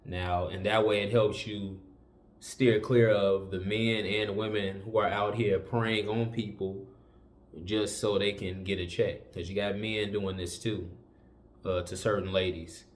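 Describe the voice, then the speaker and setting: Male host, low-pitched, lecturing viewers in a relaxed, repetitive way. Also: unhurried, a little hiss or hum. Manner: preachy, conversational, repeats warnings with many fillers. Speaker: commentary channel host. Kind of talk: casual opinion commentary.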